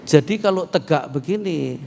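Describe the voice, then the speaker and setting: Man, pastor, gravelly voice, a bit high, reverberant church hall. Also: lively intonation, normal speed, slight background noise. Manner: humorous storytelling, swings from quiet to loud emphatic preaching. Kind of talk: sermon. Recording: reverberant hall with faint ambience.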